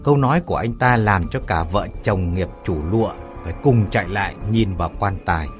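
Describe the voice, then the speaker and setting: A man who narrates a dramatic audio story in an expressive way. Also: low voice, fairly quick, faint music behind.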